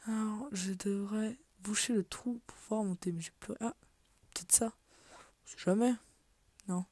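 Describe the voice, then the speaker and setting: A woman's voice: mid-range voice, fairly even intonation, measured pace, darkish tone, dry recording. A woman giving casual let's play commentary on a puzzle game, muttering to herself, swearing casually and often dropping to a half-whisper. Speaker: gaming video creator.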